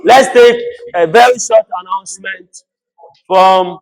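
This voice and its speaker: A man's voice: high-pitched, slow, rough recording. A man presiding over a youth parliament as speaker, formally and firmly calling members to order.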